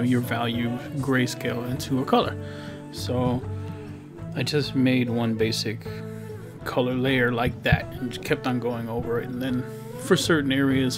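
Chatty, rambling man over guitar music. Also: mid-range voice. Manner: rambling, filler-heavy, self-deprecating. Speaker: digital painter and video host. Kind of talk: casual voice-over commentary on his painting. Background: background guitar music.

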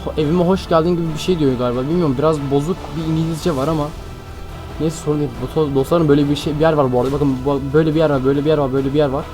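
Fast-talking young man, jumpy game commentary. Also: on the high side. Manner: excitable, jumpy, keeps addressing viewers as friends. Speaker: gaming channel host. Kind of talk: Minecraft let's-play commentary. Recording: faint background music.

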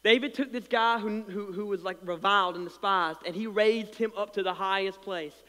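A man preaching in a church sanctuary, his voice sitting high for a man and carrying a slight lisp. He surges loud with passion, then drops almost to a murmur, stacking repeated words as he builds. A long reverb trails every phrase. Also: normal speed. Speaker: pastor. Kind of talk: sermon.

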